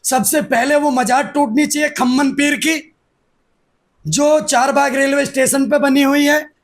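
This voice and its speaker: Very high-voiced, combative man. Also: level tone, measured pace. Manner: aggressive, defiant, threatening. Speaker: interviewee, activist. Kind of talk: heated political interview.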